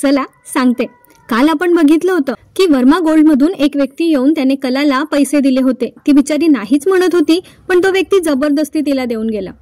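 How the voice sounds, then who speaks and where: A woman with a high, mellow voice tells the story of a TV serial episode in a casual, chatty way. She is recorded close and dry. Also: a little fast, dry recording. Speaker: TV serial recap host.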